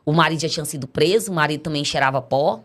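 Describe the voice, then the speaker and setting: Her voice low and fairly bright, a middle-aged Brazilian woman talks rapid-fire through her life story as a podcast guest, voicing the characters as she narrates. She speaks with a Brazilian Portuguese accent in a casual testimonial style.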